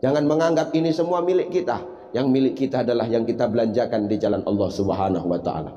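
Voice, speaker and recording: A man's voice: mid-range voice, fast talker, warm tone, lo-fi sound. Male preacher, a comic storyteller who acts out characters and sings, recorded live in a reverberant hall. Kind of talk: comedic sermon. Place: event hall at a religious gathering. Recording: echoey hall sound.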